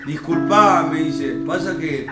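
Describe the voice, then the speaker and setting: A young man with an Argentine Rioplatense accent tells an anecdote in casual chat, acting out quoted lines with plenty of slang. His voice is fairly high and unhurried, heard over loud music in an echoey room.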